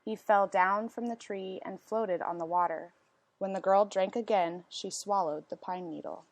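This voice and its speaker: A woman reading a storybook aloud as narration, with expressive, deliberate phrasing and questions to her listeners. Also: mid-range voice, no echo. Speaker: storyteller reading a picture book.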